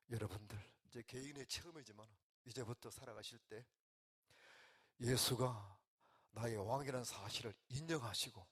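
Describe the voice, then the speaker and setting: An older man, a pastor from the region, preaching, swinging between quiet, emotional talk and loud calls to the congregation. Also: mid-range voice, husky. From Gyeongsang region, Korea. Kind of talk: sermon.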